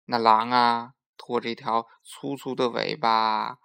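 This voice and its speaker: A man voicing a kindly old billy goat grandfather who talks slowly, amused and fatherly. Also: medium pitch, level tone, vocal fry, bright, forceful tone, clean tone, heavily acted.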